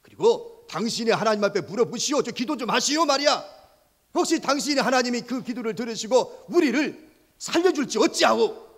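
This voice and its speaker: A man voicing a flustered ship captain who scolds loudly, using old-fashioned formal orders. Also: very high voice, animated, a little fast, long reverb tail, voice pushed up, exaggerated voice. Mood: exasperated scolding.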